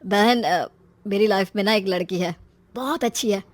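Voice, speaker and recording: A woman's voice: medium pitch, normal speed, no room sound, voice pushed down, natural voice. Woman acting an earnest young brother.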